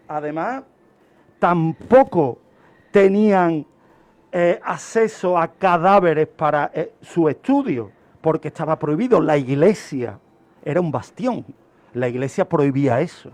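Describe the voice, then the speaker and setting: In a radio studio, a man with a distinctly high, slightly mellow voice explains criminology and a historical case as a guest, speaking a little slowly with frequent pauses and lively intonation. He teaches as he goes, stressing main points emphatically and posing rhetorical questions before answering them.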